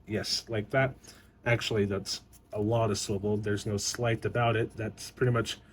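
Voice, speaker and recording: A man's voice: on the low side, flat delivery, moderate pace, a little hiss or hum. A man casually reviewing an action figure at home, rambling and stumbling over his words with lots of fillers. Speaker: toy reviewer.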